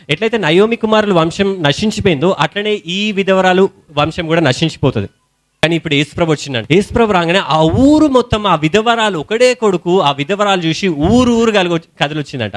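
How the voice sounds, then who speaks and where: Young male preacher, Telangana Telugu accent, high voice, colloquial storytelling sermon. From India. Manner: storytelling sermon in colloquial speech, rising to shouted hallelujahs.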